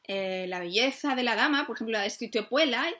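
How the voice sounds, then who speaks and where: A woman's voice: on the high side, expressive, fairly quick, sharp tone. A woman, a literature teacher giving an exam review lesson and checking in with "¿eh?" and "¿no?" often. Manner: explanatory, frequent tag questions and fillers.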